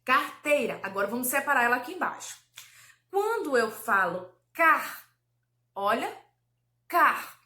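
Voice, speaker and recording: High bright-voiced woman teacher, echoey room. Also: sing-song. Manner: slow, drawn-out syllable pronunciation, patient and explanatory. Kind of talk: recorded Portuguese lesson for children.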